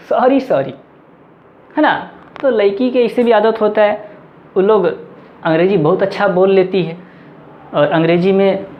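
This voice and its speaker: A man with a Bihari Hindi accent lectures for a competitive-exam class, firing quick questions and repeating the answers back. The recording is roomy and echoey. The sound is a little dull. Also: sits high, slight background noise.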